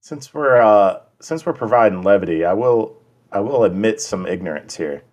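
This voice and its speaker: A man co-hosting a casual podcast chat, talking in halting bursts with many restarts and ready laughter. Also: on the low side, expressive, a little mellow. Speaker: podcast co-host.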